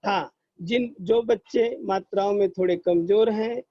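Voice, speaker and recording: Male teacher doing a kids grammar lesson, takes it slow and patient, kinda muffled lo-fi sound. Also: high voice, dry recording. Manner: slow, patient explaining, drawing out sounds as examples. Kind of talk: online grammar lesson for children. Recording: dull lo-fi recording.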